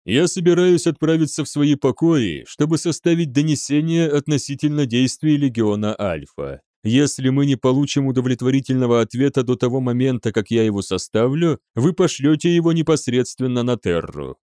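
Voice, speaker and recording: A man's voice: mid-range voice, animated, normal speed, hardly any pauses, dark tone, no echo, close to an everyday voice. Arrogant, snarling male lord-commander, read by the male narrator; dry, close sound. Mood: commanding.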